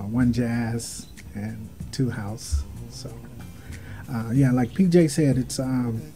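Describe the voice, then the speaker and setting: A man's voice: medium pitch, mellow. A man from Alabama, a producer guest on a radio talk show, hesitant with many ums. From Birmingham, Alabama, United States. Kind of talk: casual talk show self-introduction. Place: small radio studio. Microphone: studio mic with headphones.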